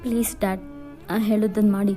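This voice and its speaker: A woman's voice: mid-range voice, flat delivery, fast, warm tone, faint music behind, natural voice. A woman voicing an anxious young man who urgently worries about his missing girlfriend in a fan fiction voiceover. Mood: worried.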